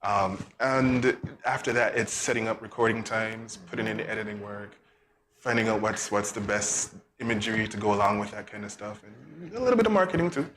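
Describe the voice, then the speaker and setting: A man from Saint Kitts with a Kittitian accent answering casually as an interview guest, thoughtful and halting, often repeating words. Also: lowish voice, a crowd in the background. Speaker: interview guest, podcast producer. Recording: faint background noise.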